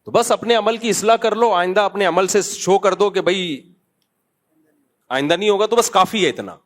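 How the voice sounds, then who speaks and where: A man's voice: sits high, a bit bright. A middle-aged man, a mufti answering questions from the public in a conversational, scolding manner with joking asides. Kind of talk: public Q&A talk.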